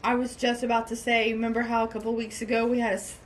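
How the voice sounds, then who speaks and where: A woman's voice: a little high, flat delivery, fast. A woman co-hosting a podcast, chatting casually about movies and agreeing often. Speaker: podcast co-host.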